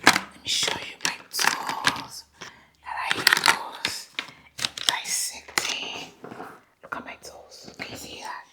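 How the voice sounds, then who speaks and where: A woman's voice: takes it slowly, long pauses, close to an everyday voice. A woman voicing a dubious, boastful female doctor in a whispered ASMR roleplay, insisting in a sing-song way that she is a real doctor.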